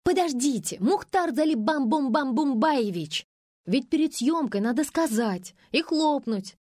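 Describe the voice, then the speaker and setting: A woman's voice: high voice, animated, a little slow, darkish tone, no room sound, clean studio sound, voice pushed up. A woman voicing a touchy young female costume assistant who keeps correcting her own name. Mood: indignant.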